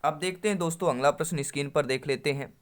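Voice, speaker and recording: A man with a slightly high voice and quick pace teaches an exam-prep lesson, reading out Sanskrit options and explaining them in Hindi as he speaks to viewers as friends.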